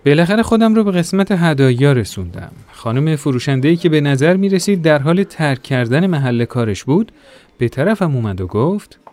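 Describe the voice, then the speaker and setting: A man reading a first-person story aloud in a gentle, reflective way. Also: fairly high pitch, very animated. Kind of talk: scripted narration of a story. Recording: soft music behind the voice.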